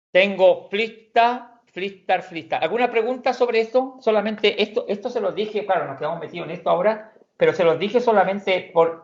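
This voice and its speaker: A man teaching a language class over an online call, his voice a little high. He explains slowly, restarting and repeating words as he goes. The audio is muffled and dull, like a video call. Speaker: Swedish teacher.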